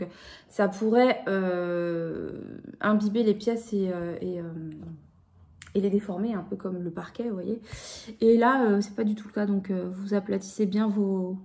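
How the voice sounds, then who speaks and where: A woman's voice: medium pitch, warm tone. A woman in her thirties chatting casually at home in a craft vlog, full of fillers and restarts as she shows her puzzles. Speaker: vlogger.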